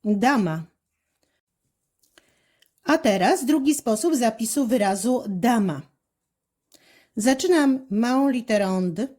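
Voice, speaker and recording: Woman teacher, slightly high, lively voice with a mellow tone, slow and careful step-by-step handwriting instruction.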